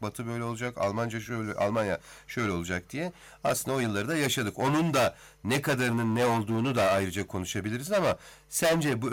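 Man, radio host, mid pitch, friendly, chatty interviewer. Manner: friendly, addresses guest as teacher.

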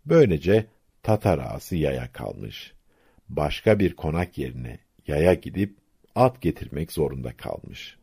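A man narrating folk sayings and their stories for radio listeners, in a measured, didactic storytelling manner. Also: a bass voice, very animated, vocal fry, warm tone, husky.

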